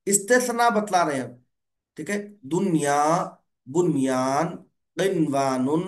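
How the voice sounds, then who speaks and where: Man, recitation teacher, patient, explains step by step, slightly raised pitch. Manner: patient, corrects gently and repeats rules step by step. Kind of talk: online tutoring lesson.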